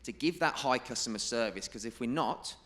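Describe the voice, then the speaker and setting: A man giving a presentation to a live audience, emphatic and stressing key figures and quotes by repeating them slowly. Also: medium pitch, expressive, fairly bright tone. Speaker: conference presenter. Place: conference room.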